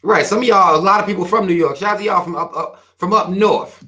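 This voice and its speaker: Reading viewer comments aloud on a casual livestream for his own channel, a Southern American man from the Carolinas launches into a blunt, profane rant. He talks fast, with a high-pitched voice that sounds pushed and bright.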